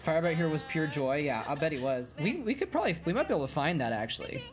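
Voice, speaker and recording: Here a man with a highish voice talks rapid-fire, his pitch swinging widely. He streams casually while watching old matches, drawing on his past as a game caster, sounding tired after hours of talk, meandering, fixing his own words, and answering viewers' chat aloud.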